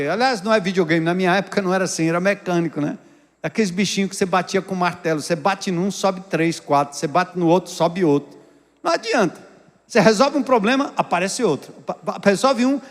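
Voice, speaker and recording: A man, a pastor with a Brazilian Portuguese accent, preaching a sermon with rhetorical questions and sharp swings between raised and hushed delivery. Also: sits high. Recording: long reverb of a church hall.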